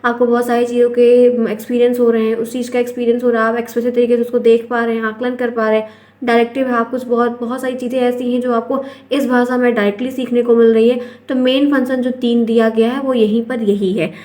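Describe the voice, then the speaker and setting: Speaking quickly in a slightly high, flat voice with a dark tone, an Indian-accented woman teacher takes viewers she calls friends through exam questions one step at a time in an exam-prep lesson.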